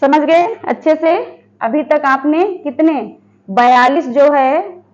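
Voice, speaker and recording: A woman teaching a Hindi lesson for exam preparation. She asks her students questions, answers them herself and repeats each word slowly. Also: high voice, darkish tone, highs cut off. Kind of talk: online exam-prep lesson.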